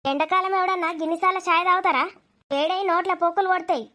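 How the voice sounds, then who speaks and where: A strict village mother in a cartoon, voiced by a woman scolds and lectures nonstop. Her voice is very high and shrill. She sounds sharp-tongued and endlessly nagging. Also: fairly even intonation, quick pace. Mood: irritated.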